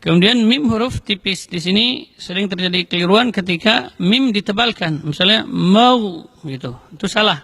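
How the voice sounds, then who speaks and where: A man teaching correct Quran recitation, explaining letter sounds slowly and carefully between chanted verses. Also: sits high, bright, forceful tone, dry recording. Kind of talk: tajwid lesson with recited examples.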